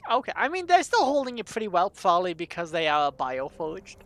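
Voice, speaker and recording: A woman's voice: lowish voice, big pitch swings, a little fast. A woman narrating as dungeon master, chatty and loose, with frequent laughs and fillers. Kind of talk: narrating a tabletop game.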